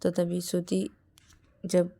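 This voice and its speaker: A woman's voice: lowish voice, completely flat delivery, slow pace, gravelly, dark tone. A woman narrating a romance story in a plain, casual way, linking each line with repeated phrases.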